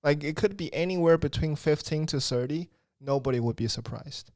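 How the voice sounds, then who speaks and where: A young guy whose first language is Chinese hosts a podcast in a loose, rambling way, swearing casually during the chat. His voice is on the high side and a little mellow, and he talks fairly quickly. The sound is dry and close, with no echo.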